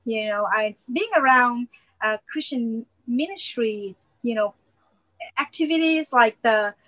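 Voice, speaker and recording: A woman's voice: on the high side, a little slow, a bit bright, rough recording. A woman born in Myanmar and raised in Thailand telling her story in an interview, with simple phrasing and many "you know" fillers. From Myanmar, grew up in Thailand. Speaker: missionary guest. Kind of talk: interview answers.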